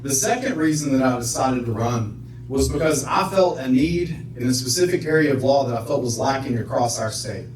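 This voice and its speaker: Candidate speech, a man, steady and earnest, echoey room, far off the mic. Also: mid-range voice, brisk, slight background noise. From Southern West Virginia. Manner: earnest, steady public speaking with occasional fillers. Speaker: judicial candidate. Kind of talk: campaign speech. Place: visitors center meeting room.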